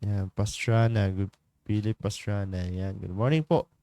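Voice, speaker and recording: Slow, crisp-voiced man leading a devotion. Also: fairly low pitch, fairly even intonation, warm tone, no echo. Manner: chatty, laughs often, many fillers. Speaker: devotion leader and livestream host. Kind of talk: casual livestream greetings and devotional talk. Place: studio.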